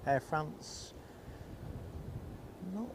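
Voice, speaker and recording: A man hosting a live stream outdoors near an airport, chatting casually and reading out viewer comments. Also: extremely slow. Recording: outdoor stream with clear background noise. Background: outdoor ambience and passing vehicles.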